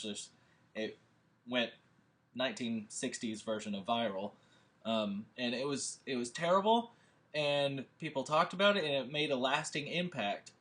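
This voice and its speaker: At a table read he is hosting, a producer-director speaks in a medium-pitched, slightly bright voice. His chat is casual and meandering, hesitant and crowded with fillers and false starts.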